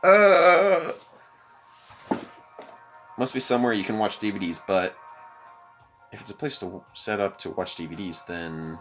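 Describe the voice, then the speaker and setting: A young man hosting a let's play, reading a visual novel aloud with expressive commentary. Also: deep voice, a little fast, music in the background.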